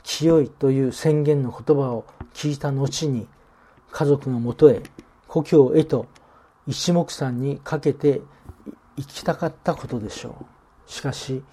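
Mellow-voiced man preaching earnestly. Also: medium pitch, fairly even intonation, a little slow. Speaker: pastor. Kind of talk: sermon.

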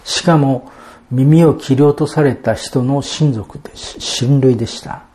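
Mellow-voiced male preacher. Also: medium pitch. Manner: measured expository preaching, reading out Bible verses. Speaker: pastor. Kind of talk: sermon.

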